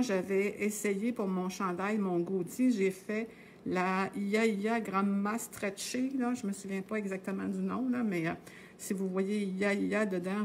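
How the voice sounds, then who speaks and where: A middle-aged woman with a Québécois French accent walks viewers through a knitting technique at home. Her talk is loose and chatty, with frequent pauses and filler words. Her pitch sits in the middle of the range, and a faint room ambience hums behind her. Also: creaky, a little mellow, a little hiss or hum. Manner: chatty and meandering, with many "euh" and tag "là". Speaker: knitting instructor on a live stream. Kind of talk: casual live knitting tutorial.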